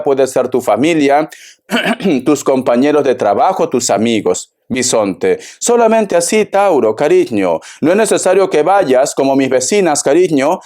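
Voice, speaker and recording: A man's voice: on the high side, darkish tone. A man from Peru, giving a casual, theatrical tarot reading and constantly calling the listener darling. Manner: chatty, keeps calling the listener darling and bison; theatrical, acts out imagined clients. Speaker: tarot reader.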